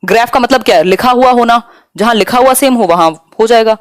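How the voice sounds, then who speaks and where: A young woman teaching a live online exam-prep class, explaining terms in a mix of Hindi and English and slowing down to read questions aloud. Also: fairly high pitch, dry recording, clean studio sound.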